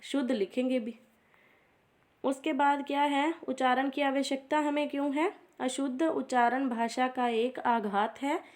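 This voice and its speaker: A woman's voice: high voice, measured pace. A woman teacher giving an exam revision lecture, reading points off. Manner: steady list-reading, frequent "ठीक है जी" asides.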